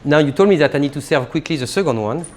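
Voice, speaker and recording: Sommelier guy running a tasting class, voice a bit high, animated, faint room hum behind. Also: fast talker. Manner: animated, explains while demonstrating.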